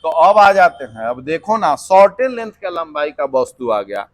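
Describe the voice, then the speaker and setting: A man's voice: on the high side, normal speed. A man teaching a physics lesson for exam preparation, mixing in English terms and answering his own questions. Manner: lively, mixes English terms, asks and answers himself.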